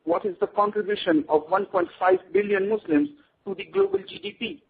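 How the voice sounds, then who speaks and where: A man's voice: sits high, wildly swooping pitch, brisk, gravelly, slightly rough. A man speaking as a guest on a radio show, lecturing emphatically. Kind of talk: radio interview. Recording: tinny phone line.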